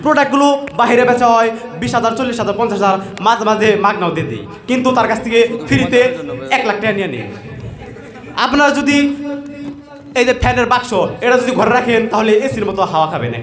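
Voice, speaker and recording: A man plays a spoof quack-medicine hawker with an extremely high voice and repetitive sales patter. It is a comic stage advertisement in an echoey hall with some audience noise. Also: animated, a little fast, crowd noise. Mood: huckstering. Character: parody street-hawker pitchman selling quack herbal cures. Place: echoey room or hall at a madrasa event.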